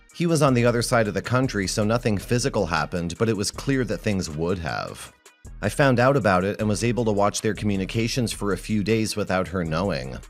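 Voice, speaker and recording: Low-pitched male story narrator over music. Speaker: narrator reading online relationship stories and commenting. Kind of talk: scripted narration of first-person stories.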